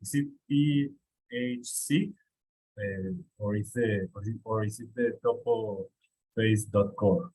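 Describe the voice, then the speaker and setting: A man with a low, husky voice asks a course instructor questions over an online call. He hesitates often, restarting words and filling pauses as he searches for phrasing. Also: a little mellow, low-quality recording. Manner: hesitant, repeats words, many fillers. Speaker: course participant asking questions. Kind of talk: online office hours question. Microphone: video call.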